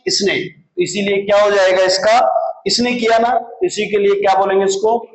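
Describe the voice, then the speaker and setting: A man teaching chemistry in a classroom lecture, putting questions to the class, answering them himself and repeating the key terms. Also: high-pitched. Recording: echoey classroom.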